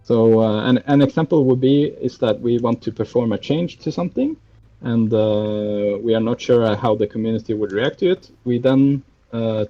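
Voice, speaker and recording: A man's voice: medium pitch, muffled recording. A man from a game server's staff answering questions in a casual voice chat, hesitant and full of fillers.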